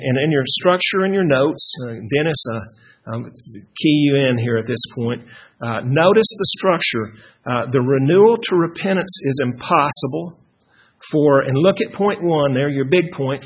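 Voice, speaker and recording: A man teaching a Bible study class, reading scripture aloud and checking in with quick rhetorical questions, with many "uh" fillers. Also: medium pitch, slightly rough, highs cut off. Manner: frequent "uh" fillers and restarts.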